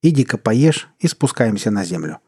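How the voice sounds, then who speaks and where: A man's voice: on the low side, big pitch swings, moderate pace, vocal fry, a little mellow, breathy edge, full character voice. A man voicing a weary middle-aged king and stern, worried father in a read-aloud story. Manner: heavy, stern, bitter.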